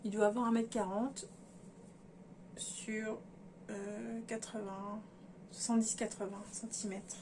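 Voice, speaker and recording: A woman's voice: medium pitch, level tone, slow, pauses often, warm tone, slight background noise. A woman casually talking through fabrics in a sewing vlog, hesitating and thinking aloud with many fillers while addressing her viewers. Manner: chatty, addresses viewers directly. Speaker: sewing vlogger.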